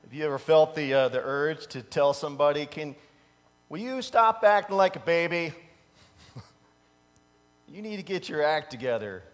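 Telling personal stories in a casual sermon, this fifty-something pastor chuckles at himself and stays animated, speaking at normal speed with frequent pauses in a higher-pitched voice. He preaches at a pulpit mic on a large church sanctuary stage, filmed from afar, and the church hall gives long reverb.

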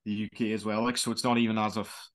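A man's voice: lowish voice, flat delivery, quick pace. A young man with a Donegal Irish accent, chatting casually in a hesitant, rambling way on a video call. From Donegal, Republic of Ireland. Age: young adult. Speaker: student guide, interview guest. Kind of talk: casual chat. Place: small plain room indoors. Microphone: webcam video call.

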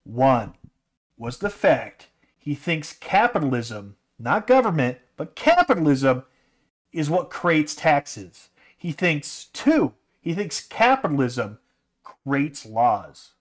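A man's voice: on the high side, big pitch swings, takes it slowly. A man telling a story about his roommate in an exasperated, incredulous rant full of swearing. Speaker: vlogger telling a personal story.

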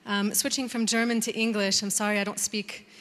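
A woman in her thirties with an American accent gives a warm, conversational talk in a large conference hall, full of "um"s and restarts. Her mid-range voice is flat and fairly quick, and the recording is reverberant.

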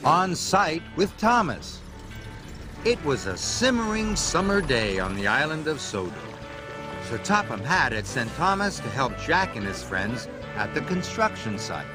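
A man narrating a children's story with lively swings of pitch and a slow, careful pace. His voice sits somewhat high, and music plays behind him.

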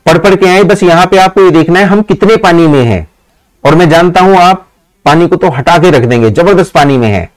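Fairly high-voiced male teacher. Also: rough recording. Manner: reads out English questions slowly, explains in Hindi; praises students by name. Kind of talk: live online exam-prep class.

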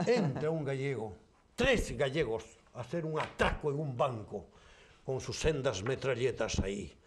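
A man's voice: mid-range voice, animated, measured pace, a little hiss or hum. A man hosting a studio talk show, trading jokes playfully and laughing often. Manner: playful, laughs often, acts out joke voices. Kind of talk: joke-telling studio chat.

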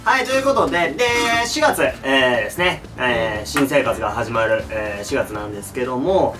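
Young kansai guy, playful, lots of ums, lively pitch, bit far from the mic with music under. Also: normal speed, background noise. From Kagawa, raised in Osaka. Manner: playful, hesitant with many fillers when narrating. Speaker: YouTube channel co-host. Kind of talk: casual chat. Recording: mic at a distance with music behind.

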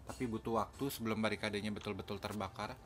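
Speaking quickly in a lowish, steady voice, a man with an Indonesian accent chats casually over his gameplay for a gaming video. Game ambience and clear background noise can be heard.

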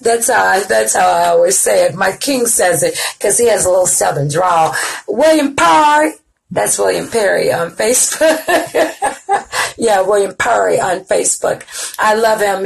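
Middle-aged woman host, husky tone, chatty and playful, addresses listeners, hums along. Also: medium pitch, rough recording. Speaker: host of an online music show. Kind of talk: casual live-stream chat.

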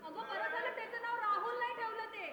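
A woman's voice: very high-pitched, fairly even intonation, fast, over a noisy crowd, very noisy. A woman stage actor playing a chatty young village mother in a live comedy play. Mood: gossiping. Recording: echoey hall with audience.

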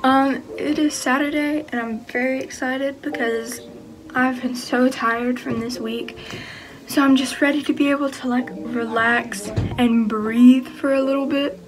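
This vlogger's voice sits high, with fairly even intonation and a measured pace. A young adult chatting casually at home, she comes across bubbly and giggly, full of filler words and the occasional hiccup. The audio is poor, and background music plays beneath her.

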